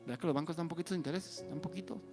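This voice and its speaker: A male pastor, preaching an animated sermon and acting out the voices of the people he quotes. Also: on the high side, rapid-fire, soft background music.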